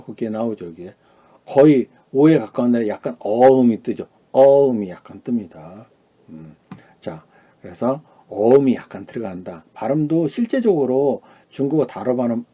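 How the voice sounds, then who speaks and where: Male language teacher, lecture style, mellow tone, lively pitch, belts out each sound then murmurs asides. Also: husky. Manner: demonstrates sounds loudly and high, then drops to a quiet aside; asks the class questions and answers them himself. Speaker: Chinese pronunciation teacher. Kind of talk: classroom lecture.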